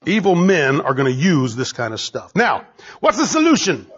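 A man preaching a sermon as pastor, swinging between loud exhortation and low asides. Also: huge pitch swings, normal speed, slightly rough, dull audio.

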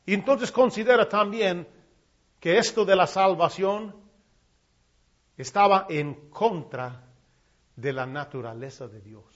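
A man with a very high voice preaches a sermon at a slow, weighty pace. His delivery swings between loud cries and near-whispers. The recording sounds muffled and lo-fi. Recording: dull lo-fi recording.

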